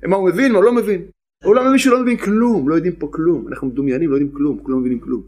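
A man's voice: on the high side, a little mellow. A male preacher giving a religious sermon with parables, repeating phrases emphatically and imitating sounds. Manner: repetitive, emphatic, uses sound effects.

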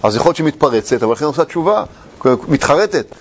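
A man delivering a religious lecture, his voice sitting fairly high and swinging widely in pitch. He talks with a storyteller's animation and slips into the voices of a quarrelling husband and wife. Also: husky. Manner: animated, acts out arguing couples. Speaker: rabbi giving a lecture. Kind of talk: religious lecture with acted quotes.

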